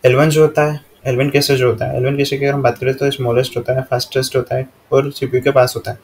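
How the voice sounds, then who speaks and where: A man with an Indian accent explaining computer memory slide by slide, reading English lines slowly and then explaining them in a steady monotone. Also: mid-range voice, slight background noise. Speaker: teacher.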